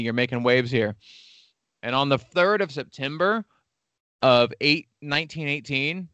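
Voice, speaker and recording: A man's voice: mid-range voice, bright, forceful tone, clean tone, no room sound. A man hosting a casual history podcast, telling the story with crude jokes and lots of swearing. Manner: crude, joking, swears often. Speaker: podcast host.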